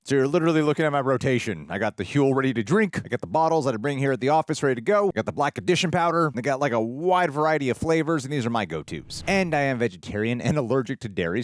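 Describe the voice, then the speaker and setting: A man's voice: mid-range voice, dry recording. A man hosting a reaction video, talking casually and reading a sponsor plug. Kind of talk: casual chat and sponsor read.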